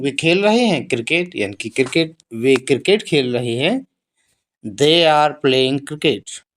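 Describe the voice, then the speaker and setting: Male English tutor, fairly high voice, unhurried, word-by-word lesson delivery. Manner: reads English sentences very slowly, explains word by word. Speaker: English teacher. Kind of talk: spoken English lesson, explaining in Hindi.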